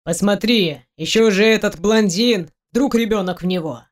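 A woman reading an audiobook, voicing a stern, blunt middle-aged father who speaks slowly and firmly. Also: mid-range voice, natural voice.

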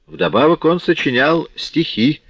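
A man narrating an audiobook of a classic novel in a measured, dramatic reading. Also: fairly high pitch, a bit bright, no room sound. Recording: dull dry lo-fi audiobook recording.

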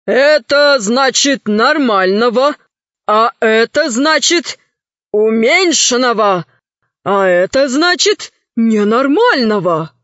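A woman's voice: a little high, lively intonation, fairly bright tone, no room sound, dull audio. A woman doing a grumpy muttering magician. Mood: grumbling. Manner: slow, muttering, gruff. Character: tall thin grumpy male magician, muttering.

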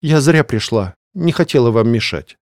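A man's voice: medium pitch, expressive, moderate pace, darkish tone, no echo, clean studio sound, lightly acted. A man voicing an anxious young woman student who pleads and apologizes in a breathless way. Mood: apologetic.

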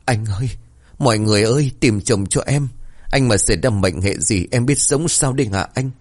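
A man's voice: low-pitched, animated, brisk. A man doing a pleading village wife. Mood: wailing. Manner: pleading, wailing.

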